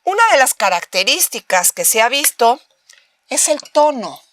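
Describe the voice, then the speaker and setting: A woman's voice: fairly high pitch, very animated, moderate pace, fairly bright tone, no echo. A woman with a Mexican Spanish accent giving a recorded university lecture, explaining with rhetorical questions and acting out short examples of talking to babies. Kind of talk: recorded master class lecture.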